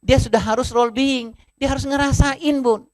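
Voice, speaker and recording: A man's voice: extremely high pitch, steady tone, moderate pace, dry recording. Man giving a dry, conversational parenting talk. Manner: conversational, often addresses listeners as "Bun"; acts out short family dialogues in his talk. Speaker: parenting speaker.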